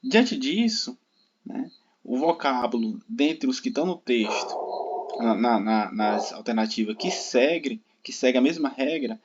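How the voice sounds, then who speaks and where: A man's voice: mid-range voice, a little slow. A Brazilian man teaching an online exam-prep grammar lesson in a patient, explaining way, often checking in with his students. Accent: Brazilian Portuguese. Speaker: Portuguese teacher. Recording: dull lo-fi sound with steady background noise.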